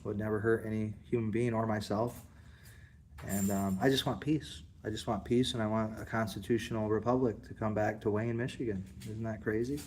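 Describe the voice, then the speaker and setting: A man with a deep, darkish voice livestreams casual commentary from inside a public building, with slight background noise. He rambles and sounds defiant, talking straight to his viewers.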